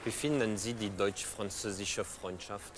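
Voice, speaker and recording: A man in his thirties asking naive, leading questions with a deadpan manner in an outdoor street interview, held on a boom mic. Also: unhurried, a crowd in the background. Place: outdoor pedestrian street and market. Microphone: handheld boom mic with fluffy windshield.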